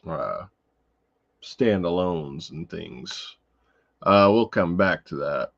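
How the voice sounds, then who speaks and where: A man hosts a casual film-talk livestream, rambling along with swearing and many fillers. His voice sits on the low side, and the audio is dull and lo-fi. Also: expressive, slow, creaky. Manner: rambling and profane, full of fillers. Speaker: livestream host. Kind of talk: casual livestream chat about films.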